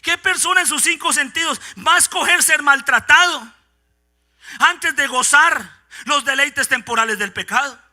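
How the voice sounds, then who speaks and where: A man preaching a Pentecostal sermon in a church, moving between quiet asides and shouted, fervent passages while acting out voices. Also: extremely high pitch, normal speed, soft background music. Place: church sanctuary.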